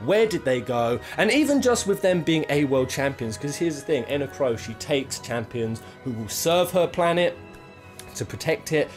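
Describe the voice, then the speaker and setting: Over game soundtrack music, a male host presents a game countdown with off-the-cuff, casual commentary full of emphasis, jokes, swearing and slang. His voice sits on the high side and is expressive, at a moderate pace.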